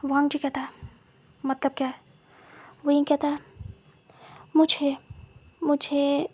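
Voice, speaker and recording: A woman's voice: high-pitched, dark tone, dry recording. A woman narrating a fan-fiction story in a casual, matter-of-fact way. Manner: plain, matter-of-fact retelling.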